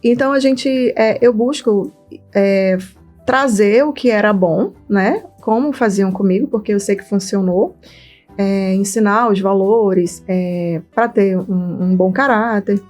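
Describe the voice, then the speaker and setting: On a podcast aimed at mothers, this Brazilian co-host speaks in an unhurried, mid-range voice over soft background music. Her talk is a relaxed chat, and she brings her stories to life by performing family conversations in her Brazilian Portuguese accent.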